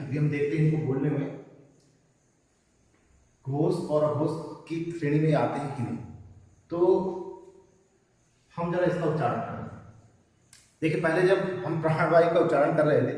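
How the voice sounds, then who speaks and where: A man teaching an online class, slowly spelling out sounds one at a time and speaking straight to his students. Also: a little high, a little mellow. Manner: addresses students directly. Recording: echoey room, mic at a distance.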